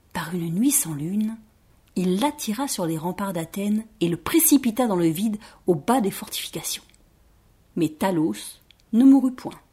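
A woman reading children's tales aloud, expressive and dropping to a hush at tense moments, with a breathy voice. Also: mid-range voice. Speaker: storyteller.

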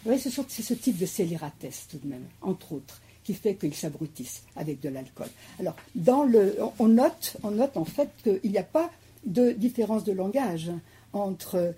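Woman, deep-toned and very raspy; hesitant guest explaining a novel, with frequent fillers, and reading passages aloud. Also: sing-song, normal speed, mellow. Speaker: guest discussing a war novel.

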